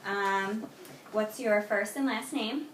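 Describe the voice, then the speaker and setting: A woman with a mid-pitched voice asks conversational intake questions. She sounds distant from the mic, with heavy noise around her. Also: slow. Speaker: intake interviewer at an instruction program. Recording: very noisy, echoey, distant mic.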